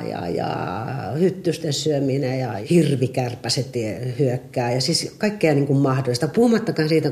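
A middle-aged woman chatting casually about her dog, lively and often stumbling over repeated words. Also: rumbling low. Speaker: dog owner interviewee. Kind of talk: casual personal storytelling.

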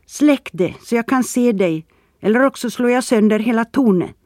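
A narrator voicing a trembling, enraged young man who shouts and threatens in an audiobook reading. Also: mid-range voice, lively intonation, no echo, clean studio sound, close to an everyday voice. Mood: frantic. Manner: shouting, tense.

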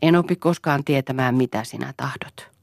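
A woman's voice: extremely low pitch, gravelly, no echo, studio quality, full character voice. A woman voicing a weary, pleading young wife.

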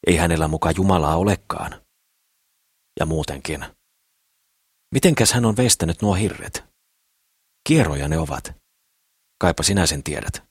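A man's voice: low-pitched, slightly rough, dry recording, clean studio sound. A man voicing a suspicious, pious old woman who scolds and disapproves.

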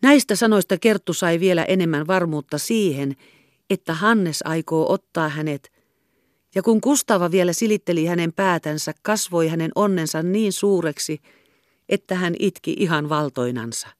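A woman reading a classic novel aloud in steady, measured audiobook narration. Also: fairly low pitch, no echo, clean studio sound. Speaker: audiobook reader. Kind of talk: scripted narration.

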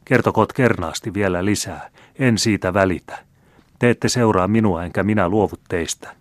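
Teasing young french marquise, read by a man, playful, deep low voice lifted a little, dry close audiobook sound. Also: dry recording, natural voice.

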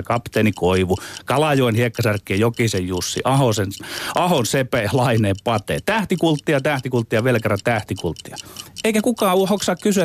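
A man's voice: medium pitch, no echo. A man co-hosting a sports debate show, delivering prepared arguments with theatrical, sardonic, mock-archaic rhetoric. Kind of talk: scripted polemical argument.

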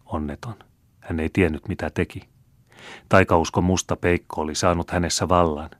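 A man narrating an old tale in a measured, even reading voice at a close studio microphone. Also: sits low, dry recording. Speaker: audiobook narrator. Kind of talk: scripted narration.

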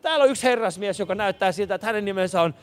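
A high-pitched male radio host, energetic and often laughing. He roams a busy city street with a handheld mic, calling out names to strangers for a live charity show. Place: city street outdoors, passing traffic.

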